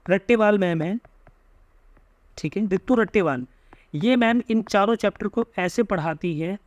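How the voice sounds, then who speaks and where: Young Indian male guide, insistent tutor delivery, high-pitched, dry recording. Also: dry recording. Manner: emphatic, repeats tag questions like "theek hai". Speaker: exam coaching guide. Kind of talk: direct-to-camera study advice.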